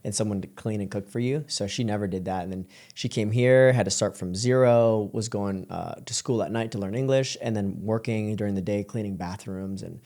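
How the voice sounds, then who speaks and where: A young man from Colombia talks through his life story as a podcast guest, in a fairly low voice. He speaks casually, with plenty of "um" and "like" and frequent restarts. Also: brisk, hardly any pauses. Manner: relaxed, full of fillers and restarts. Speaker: podcast guest, creative entrepreneur. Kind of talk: casual interview chat.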